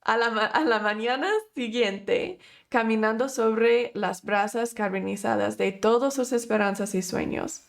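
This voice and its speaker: A woman, teaching a class on emotions in an expressive way, often correcting herself mid-sentence. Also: on the high side, unhurried, creaky, hardly any pauses. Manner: expressive, acts out quotes, frequent self-corrections. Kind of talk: lesson.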